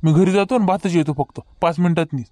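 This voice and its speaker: A man's voice: on the high side, quick pace, mellow, no room sound, lightly acted. A man with a Vidarbha Marathi accent playing a confused, protesting village man in a rustic comedy sketch.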